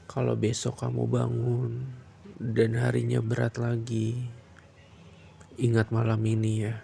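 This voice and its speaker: Gravelly, slow-talking man murmuring softly. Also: mid-range voice, completely flat delivery, a little hiss or hum. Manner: soft, slow, soothing bedtime talk. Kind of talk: boyfriend roleplay ASMR.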